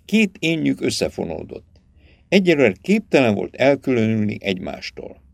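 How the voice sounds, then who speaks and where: A man narrating an audiobook in an expressive, dramatic storytelling manner. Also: mid-range voice, vocal fry, no echo.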